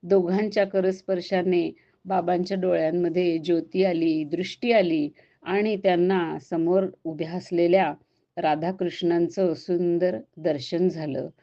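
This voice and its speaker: A woman narrating a devotional story in a gentle, expressive storytelling manner. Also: on the low side, a little slow. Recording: dull lo-fi recording.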